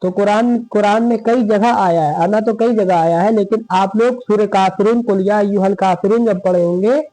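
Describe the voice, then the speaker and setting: A man teaching Quran reading in a slow step-by-step lesson, drawing out each word as he demonstrates it and checking in often with his listeners. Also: sits high, mellow, rough recording. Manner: drawn-out demonstration of words, frequent checking "theek hai".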